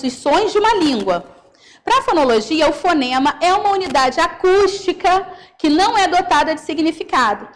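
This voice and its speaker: A woman with a Carioca accent from Rio de Janeiro, a teacher giving a recorded class lecture over slides, explaining step by step and often checking in with her students. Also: sits high. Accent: Carioca Brazilian Portuguese. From Rio de Janeiro, Brazil. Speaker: Portuguese teacher.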